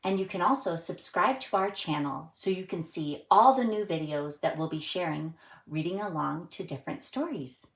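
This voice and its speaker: Reading a children's book aloud to young viewers, a female story time host speaks in a lowish voice with an unhurried, expressive, friendly manner. The recording has a roomy echo.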